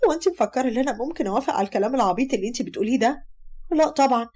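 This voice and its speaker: Woman doing a shrill defiant young woman. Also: lively intonation, very fast, a little mellow, breathy edge. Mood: indignant. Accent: Egyptian Arabic.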